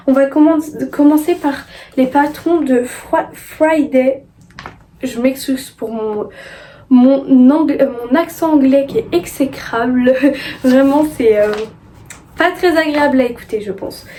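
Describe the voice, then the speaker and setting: A young woman chatting casually about her sewing haul, halting often with fillers and restarts. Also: high voice, dark tone, a little hiss or hum. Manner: hesitant, many fillers and restarts. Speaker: sewing vlogger.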